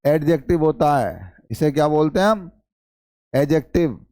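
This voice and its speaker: A man's voice: on the high side, big pitch swings, moderate pace, dark tone, no echo, clean studio sound. A man teaching an English lesson, quizzing students and repeating key points. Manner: repetitive questioning, addresses students as brother. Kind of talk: classroom-style lesson.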